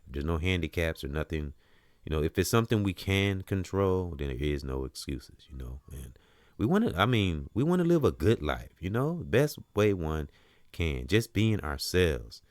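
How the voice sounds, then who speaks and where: Man, host, very deep voice, earnest, preachy, spiritual monologue, dry close sound. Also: very animated, normal speed, no room sound. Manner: earnest, preachy, peppered with "you know". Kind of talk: spiritual talk-show monologue.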